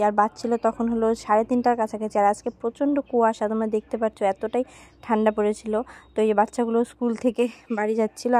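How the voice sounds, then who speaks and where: A young woman chatting casually to her viewers in a home vlog, filming on her phone. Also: on the high side. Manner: chatty, coaxing and soothing with her child. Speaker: vlogger and mother.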